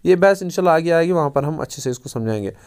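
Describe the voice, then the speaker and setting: A man teaching an Arabic textbook lesson, reading Arabic sentences slowly and then explaining each one. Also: fairly high pitch, expressive, darkish tone, clear, resonant tone.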